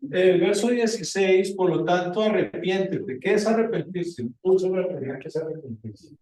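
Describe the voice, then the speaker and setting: Male pastor, sermon delivery, rhetorical questions, mellow tone, distant roomy church sound. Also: high-pitched, lively intonation, moderate pace. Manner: preaching with rhetorical questions to the congregation. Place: church hall. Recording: echoey hall from far off.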